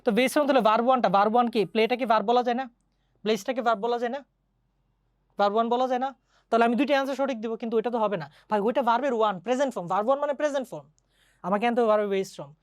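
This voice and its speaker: A woman teaching an English grammar lesson, chatty and quick, often asking her students questions. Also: on the high side, no echo, clean studio sound. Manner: mixes English grammar terms into Bengali. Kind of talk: online exam-prep lesson.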